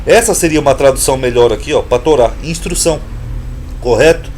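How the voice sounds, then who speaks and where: Slight background noise accompanies a Brazilian man's medium, somewhat mellow voice as he teaches a bit quickly. Hosting his channel as a Bible teacher with a Brazilian Portuguese accent, he explains Bible terms informally, emphatically and repetitively, with rhetorical questions.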